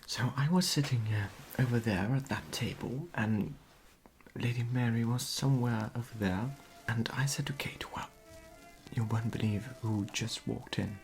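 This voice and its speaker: A performer in an ASMR role-play as a genteel period society lady, gossiping softly and confidingly at a tea parlour. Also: medium pitch, moderate pace, soft background music, lightly acted, rough recording. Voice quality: soft-spoken.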